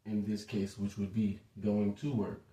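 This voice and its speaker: A man gives a short, casual spoken lecture, talking loosely with many asides and fillers. His lowish voice is level, mellow and a little slow, picked up at a distance from the mic with roomy echo.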